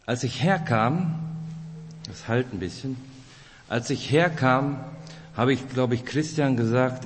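Against a noisy background in a reverberant hall, a man speaks at medium pitch with a Russian-German accent and rolled R. He's a Kazakhstan-born lay preacher in his forties giving an informal church-weekend sermon, introducing himself and chatting warmly with his listeners.

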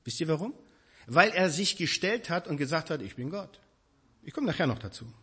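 A man preaching a sermon, addressing his congregation directly with emphatic, animated delivery. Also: on the high side, fairly quick, husky.

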